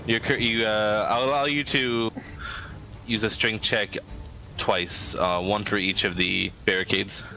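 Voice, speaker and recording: A man's voice: fairly low pitch, steady tone, a little slow, creaky, pushed and bright, rough recording. A man narrating a tabletop game as game master, mixing casual talk with scene description.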